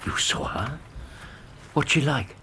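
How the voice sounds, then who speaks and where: British doctor sidekick, curious and amused, lively medium voice, radio drama, faint noise behind. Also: male voice, mid-range voice, slow. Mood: keen. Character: curious, amused English doctor, detective's loyal friend. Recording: faint background ambience noise.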